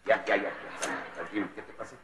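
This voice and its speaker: An actor playing a gruff, impatient middle-aged man who keeps repeating himself, heard on an old TV recording with hiss. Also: lowish voice, steady tone, normal speed, fairly bright tone, close to an everyday voice. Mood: exasperated. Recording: roomy old TV sound with hiss.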